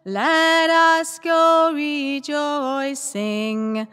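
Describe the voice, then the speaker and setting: A woman's voice: high-pitched, fairly even intonation, fairly bright tone. Woman cantor singing in cathedral echo. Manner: slow, sustained sung phrases. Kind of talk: sung responsorial psalm. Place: large church. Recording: long church reverb with organ.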